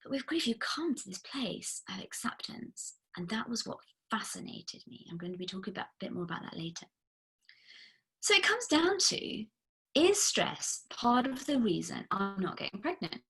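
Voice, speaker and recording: A woman's voice: on the high side, big pitch swings, normal speed, a bit bright, husky. A woman fertility coach giving a casual recorded masterclass, chatty and emphatic, with blunt, candid asides. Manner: chatty and emphatic, frequent "like" fillers.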